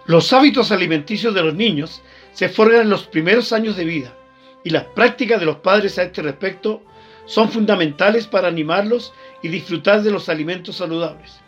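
A man, a teacher reading scripted health advice as a voice-over in an even, informative way. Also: sits high, a little fast, husky. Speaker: teacher giving health tips. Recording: dull lo-fi sound with faint music.

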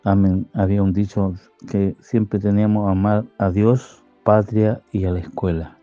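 A man's voice: fairly low pitch, flat delivery, unhurried, mellow, no echo. An older man, a former pupil sharing earnest memories of his school in a recorded testimonial. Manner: earnest, heartfelt. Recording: dull lo-fi sound with faint music.

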